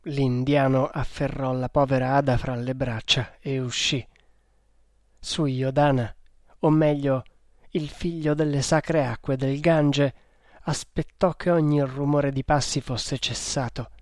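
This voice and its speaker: A man narrating an audiobook in a measured, dramatic way. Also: medium pitch, steady tone, no echo, clean studio sound.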